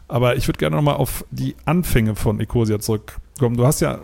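Gravelly, mellow-voiced male interviewer. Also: medium pitch, brisk. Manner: chatty, ends phrases with tag questions. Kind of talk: casual interview talk.

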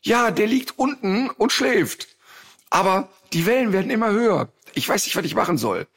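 A terrified young man stuck at sea, stammering and trailing off, as a man puts him on while telling a story. The voice is pushed well above the teller's own and swings widely in pitch, with a husky, gravelly edge. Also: very animated, measured pace, fairly bright tone, heavily acted. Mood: panicked. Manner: stammering, fearful, hesitant.

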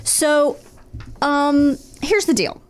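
Speaking very slowly in a high voice, a woman co-host who is recovering from throat surgery reads medical info aloud. Her delivery is casual, with sardonic, profane, deadpan asides along the way.

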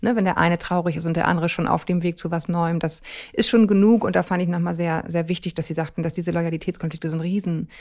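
Woman host, lowish voice, thinks out loud and keeps checking in with her guest. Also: steady tone, fast talker, few pauses. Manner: reflective, summarizing with frequent "ne?" tags. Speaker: podcast host. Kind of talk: conversational interview.

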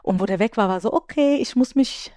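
Chatty woman host, mellow voice. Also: mid-range voice, fairly quick, no room sound, studio quality. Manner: chatty, restarts, laughs often. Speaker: podcast host. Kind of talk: casual chat.

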